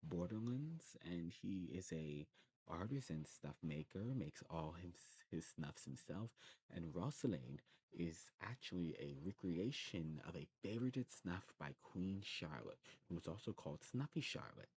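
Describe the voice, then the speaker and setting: An ASMR performer, a man with a low-pitched, animated, slightly slow and slightly mellow voice, roleplays a friendly demon who runs a snuff shop. Knowledgeable and enthusiastic, the shopkeeper chats informally about recommendations, rambling and correcting himself. There's a little hiss or hum.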